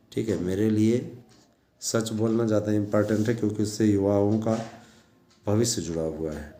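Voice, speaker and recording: A man with a fairly low, mellow voice speaks casually to his followers in an echoey room. He is a teacher and online news presenter, and in this informal monologue he urges them on repeatedly, often tossing in check-in tags.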